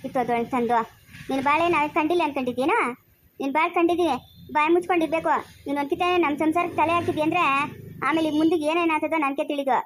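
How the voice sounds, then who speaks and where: A woman's voice: sits high, fast, slight background noise, lightly acted. A woman playing a fierce, protective village woman who berates a neighbour with threats in rural Chikkaballapur Kannada. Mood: furious. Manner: loud, threatening.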